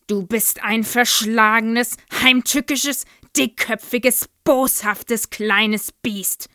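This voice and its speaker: A woman's voice: on the high side, steady tone, extremely slow, sharp tone, dry recording, pitched above the performer's own voice, heavily acted. A towering, child-hating headmistress, put on by a woman reading aloud, bellows every insult at full force in a raised, strained voice. The storybook reading is dry and close, with no room sound. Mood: furious bellowing. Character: huge brutal child-hating female headmistress.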